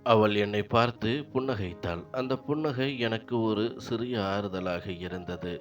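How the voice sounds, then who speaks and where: A man narrating a scripted first-person story, reading steadily and sorrowfully in short measured sentences. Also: lowish voice, faint music behind.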